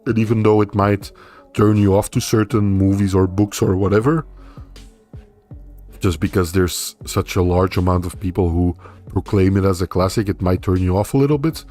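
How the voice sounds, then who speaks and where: A young man with Dutch as his first language hosts a casual stream, his deep voice moving at a moderate pace over soft background music. Relaxed and rambling, he reads out what viewers comment and responds.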